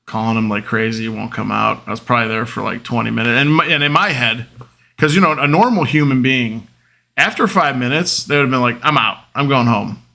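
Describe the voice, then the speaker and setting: A man hosting a podcast, telling casual stories in a rambling way, full of fillers, getting loud and animated when he retells arguments. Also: medium pitch, fairly quick, vocal fry. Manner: rambling, with many fillers like "um" and "whatever". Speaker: podcast host. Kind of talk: casual storytelling monologue.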